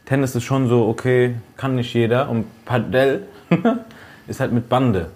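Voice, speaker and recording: A man co-hosting a podcast in casual chat, animated and quick to get worked up, full of street slang. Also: medium pitch. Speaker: podcast co-host.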